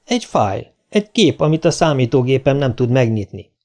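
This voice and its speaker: A man voicing a male crew engineer, speaking slowly and precisely. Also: mid-range voice, sing-song, darkish tone. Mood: polite.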